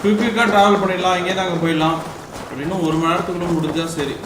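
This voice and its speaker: A man's voice: high voice, very fast. A man with a South Indian Tamil accent, a native Tamil speaker, giving casual live commentary as he plays a game. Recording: echoey, distant mic, loud game noise.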